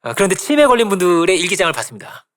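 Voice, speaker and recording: A middle-aged man preaching a sermon as pastor, animated, often checking in with the congregation and acting out quoted voices. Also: sits high, very fast. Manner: animated preaching with frequent tag questions to the congregation. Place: church sanctuary.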